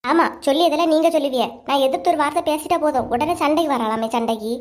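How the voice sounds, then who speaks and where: A woman voicing a sharp-tongued young wife with a Kanyakumari Tamil accent. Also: high voice, quick pace, natural voice. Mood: indignant. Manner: bickering, teasing, indignant.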